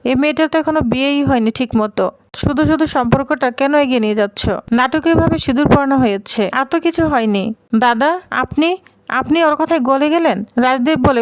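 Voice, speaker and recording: A high-pitched woman narrates a drama's plot, speaking each character's lines herself without changing her voice much. Her delivery is lively, and the sound is dry and close to the mic. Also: dry recording. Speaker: narrator retelling a serial episode. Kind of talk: storytelling recap with quoted dialogue.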